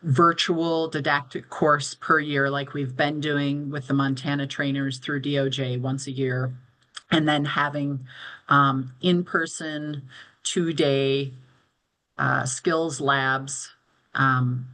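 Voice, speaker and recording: Bright-voiced woman chairing a formal meeting. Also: extremely low pitch, steady tone, slow pace. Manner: procedural, explanatory, carefully worded. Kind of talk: moderating a formal public meeting. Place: online video meeting.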